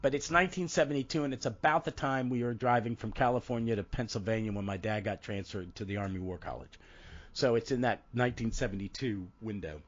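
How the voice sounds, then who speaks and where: This fiftysomething man hosts a laid-back podcast, speaking quickly at medium pitch with a stuffy, froggy head-cold voice. He wanders from point to point and interrupts himself, and the audio sounds dull.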